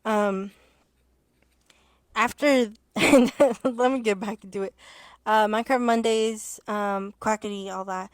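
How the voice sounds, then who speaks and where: A woman's voice: medium pitch, fairly even intonation, takes it slowly, no room sound. A young adult woman vlogging in a rambling casual chat, interrupting herself and swearing, as she starts to lose her voice. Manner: rambling, self-interrupting, swears and laughs often.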